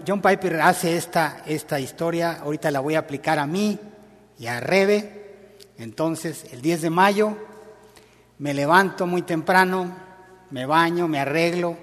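A man's voice: on the high side, in a large hall. A man preaching a sermon in a conversational, storytelling way.

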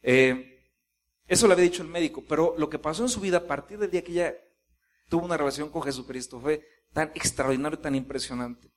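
Higher-voiced Mexican pastor telling a story. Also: male voice, fast. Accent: Mexican Spanish. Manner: animated storyteller acting out quoted dialogue. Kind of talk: sermon testimony storytelling.

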